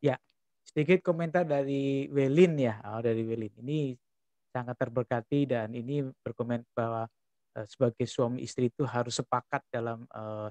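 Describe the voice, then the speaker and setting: A man moderating an online seminar over a video call, his voice mid-pitched and dry. He reads out comments and sums up points, pausing often on hesitant fillers. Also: darkish tone, no echo, muffled recording. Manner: hesitant, fills with "eh, apa".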